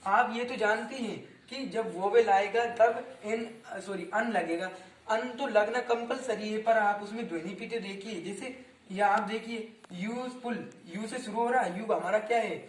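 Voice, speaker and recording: At a measured pace, a young man with a high voice teaches grammar in Hindi, repeating words and testing his students as he goes, often pausing to correct himself. The distant mic gives his voice a roomy echo over faint background noise.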